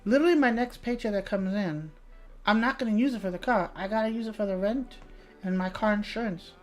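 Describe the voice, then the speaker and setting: A woman's voice: mid-range voice, brisk. A young woman VTuber chatting casually on a livestream, reading chat and swearing freely, with light music behind. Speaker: VTuber streamer.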